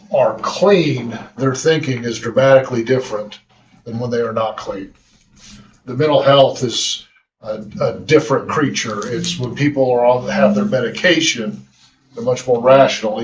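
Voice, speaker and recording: A man, a public defender, speaking earnestly at a county meeting, often restarting his sentences. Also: mid-range voice. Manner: earnest, halting with repeated restarts. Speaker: drug court public defender. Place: county council chambers. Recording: roomy chamber audio from far mic.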